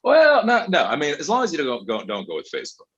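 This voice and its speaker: A man's voice: on the high side, wildly swooping pitch, fast talker, a bit bright, slightly rough, dull audio. A man hosting an open mic call-in show over a video call, chatting casually, blunt and swearing freely. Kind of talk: casual chat.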